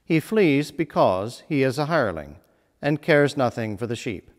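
A man, a priest preaching a measured sermon in a small stone-walled chapel. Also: medium pitch. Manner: measured, lively preaching with emphatic phrasing. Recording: long reverb of a church hall.

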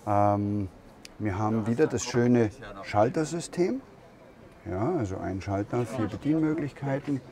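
A man giving a slow walkaround tour of a camper van at a trade fair, thinking aloud with pauses and fillers. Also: mid-range voice, lively intonation, mellow. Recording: crowd noise of a trade fair. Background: crowd chatter of a fair.

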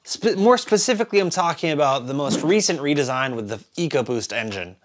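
Here the car review host, a man in his thirties, sounds animated and fairly high-pitched as he works through a scripted list to camera, tossing in asides. His tipsy, loose delivery is full of stumbles and stretched-out words. The setting is a small home office with computer monitors, captured on a shirt-clipped lavalier with music underneath.

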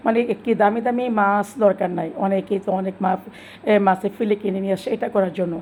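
A woman, slightly hoarse from a cold, talking homely and chatty through a cooking tutorial voice-over, restarting her phrases often. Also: mid-range voice, fairly even intonation, brisk, a little mellow, slight background noise. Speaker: cooking channel host.

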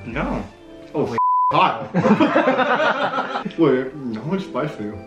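A man's voice: fairly high pitch, wildly swooping pitch, very slow, highs cut off. A man answering questions casually in an easygoing way. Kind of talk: casual chat. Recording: echoey room with background music.

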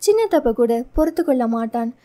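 A woman reading the part of a calm male colleague who explains things matter-of-factly. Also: on the high side, brisk, natural voice.

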